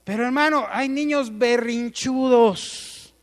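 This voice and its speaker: A man's voice: extremely high pitch, slow pace, big-room sound. A man with a Mexican accent preaching a sermon, asking the congregation questions and calling for amens.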